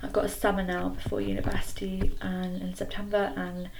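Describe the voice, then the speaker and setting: A woman's voice: medium pitch, monotone, brisk, vocal fry. A nineteen-year-old woman chats casually and a little hesitantly as a solo podcast host, recorded in a small wooden shed. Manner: hesitant, self-effacing. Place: small wooden garden shed, slightly echoey. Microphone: computer recording. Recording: clicky home recording with background noise.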